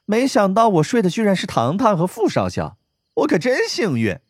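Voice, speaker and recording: A man's voice: high-pitched, huge pitch swings, normal speed, no echo, studio quality, voice pushed up, heavily acted. A man voicing a cheeky, playful baby-faced young man who teases in a chirpy, singsong way. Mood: teasing.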